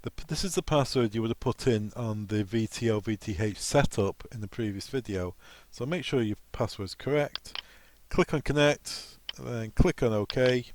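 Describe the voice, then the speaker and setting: Captured in a dry recording, this trainer talks through a software tutorial in an informal way, laying out every step in plain terms. His voice sits in the mid range.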